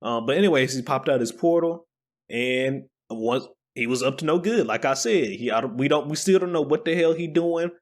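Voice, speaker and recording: Hyped man recapping anime, mid pitch. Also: normal speed. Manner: hyped, boastful, laughs and swears. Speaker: podcast co-host. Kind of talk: casual anime review chat.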